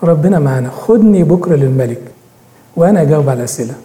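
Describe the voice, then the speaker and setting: A man with an Egyptian accent voicing a calm, confident young girl in a retold story. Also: a little high, rapid-fire, close to an everyday voice. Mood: gentle, reassuring. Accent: Egyptian Arabic. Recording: echoey hall.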